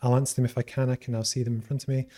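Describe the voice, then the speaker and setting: A man with a light Scouse accent hosts a live-streamed business interview. He talks quickly and rambles, with plenty of fillers and a mellow, darker voice. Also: mid-range voice, little pitch movement. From Liverpool, England. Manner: rambling, uses many fillers. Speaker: interview host.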